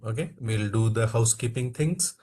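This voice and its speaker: Speaking at normal speed with a medium pitch, this Indian man leads an online class as instructor. He keeps dropping "okay" between phrases and nudges the quieter participants into talking.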